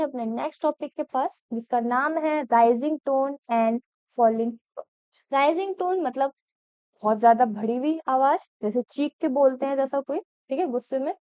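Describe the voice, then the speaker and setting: A young woman teaching exam-prep, her voice high, mellow and smooth. She talks chattily and keeps checking in with her listeners. The sound is dull and lo-fi. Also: no room sound. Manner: chatty Hindi-English code-switching, checks with frequent "theek hai?".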